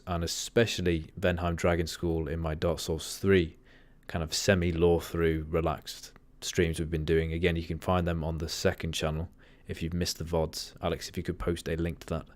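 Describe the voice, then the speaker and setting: Low-voiced guy streaming, monotone casual chat, keeps rambling, dry sound. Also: moderate pace, few pauses, no echo. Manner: rambling, easily sidetracked. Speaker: livestream host.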